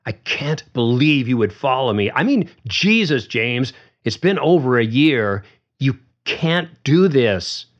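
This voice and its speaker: A man's voice: mid-range voice, sing-song, slow, muffled recording, pitched above the performer's own voice. A man voicing an angry young woman who talks in a firm, clipped, seething way.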